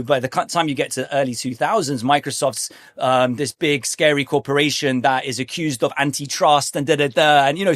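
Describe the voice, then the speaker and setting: A man's voice: medium pitch, no room sound, studio quality. A man being interviewed as a guest expert, answering in a thoughtful, explanatory conversational way. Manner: thoughtful, explanatory, acts out quoted voices.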